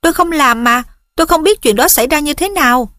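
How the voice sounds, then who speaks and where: Teenage boy wizard voiced by a woman, frustrated, defensive, insistent protests, higher voice, dry close sound. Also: expressive, quick pace, a bit bright, dry recording.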